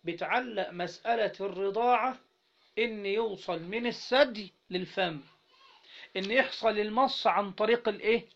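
A man with a high, creaky, fairly bright voice speaks at a moderate pace, teaching Islamic jurisprudence in a classroom with an Egyptian Arabic accent. He reads a passage aloud and explains it, constantly prompting students to answer and supply missing words. The audio is dull and lo-fi.

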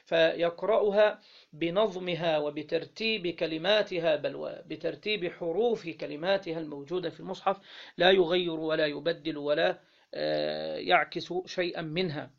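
Man, Egyptian accent, Islamic law teacher, high voice, dull lo-fi recording, reads text then explains, quizzes listeners. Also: fairly even intonation, normal speed, creaky. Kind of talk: explaining a legal text line by line.

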